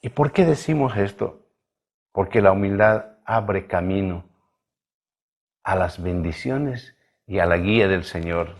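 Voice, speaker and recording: A male pastor from Bolivia preaching a sermon in a measured, emphatic way, drawing out key words. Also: low-pitched, darkish tone. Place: church livestream.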